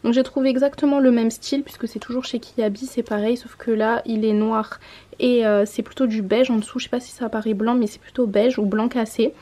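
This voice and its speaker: Chatty young mom with a mellow voice. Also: female voice, a little high, fairly even intonation, fairly quick. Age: 20s. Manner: chatty, self-correcting, showing items to camera. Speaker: mom vlogger. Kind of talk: casual haul vlog. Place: home room by a window.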